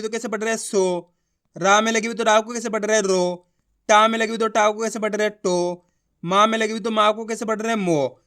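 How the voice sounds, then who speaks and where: A young man teaching beginners to read, patient and repetitive, often asking if it is clear and spelling out syllables slowly. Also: high-pitched, bright, forceful tone. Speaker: Hindi teacher. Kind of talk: beginner reading lesson.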